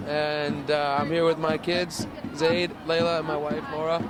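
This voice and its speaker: A father at an outdoor protest speaks steadily and plainly. His slightly high voice stays level, and loud street noise nearly swamps it. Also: level tone, measured pace.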